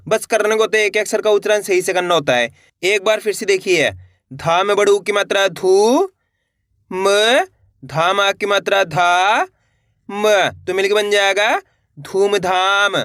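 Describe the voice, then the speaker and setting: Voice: medium pitch, a bit bright, dry recording, clean studio sound. A teacher giving a beginner reading lesson, sounding out each syllable and then blending the whole word, talking to viewers as friends. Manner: addresses viewers as friends, encouraging.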